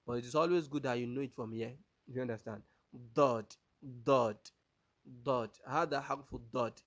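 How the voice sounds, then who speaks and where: A man gives an Arabic pronunciation lesson, saying each letter sound aloud several times, switching between English and Arabic, and checking rhetorically whether the class follows. His voice is mid-range and his pace moderate.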